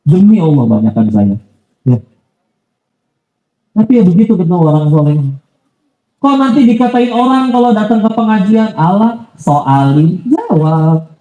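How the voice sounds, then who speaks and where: A man's voice: high voice, sing-song, normal speed, pauses often, dark tone, reverberant, dull audio. A man giving a casual, conversational sermon as a preacher, full of asides and polite apologies. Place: mosque.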